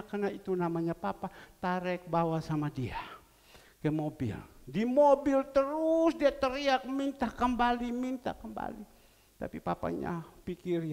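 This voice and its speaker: A male pastor preaching a sermon, telling a story with lively swings between loud cries and soft asides. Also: a little high. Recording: long reverb of a church hall.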